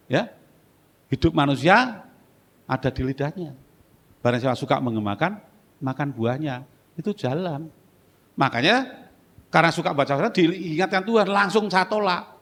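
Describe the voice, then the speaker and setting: A high-pitched male preacher delivers a sermon, his voice ringing through a reverberant church hall. He tells stories and acts out dialogues, jumping from loud outbursts to hushed asides. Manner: storytelling, acting out dialogues with sudden loud and soft turns. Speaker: guest pastor.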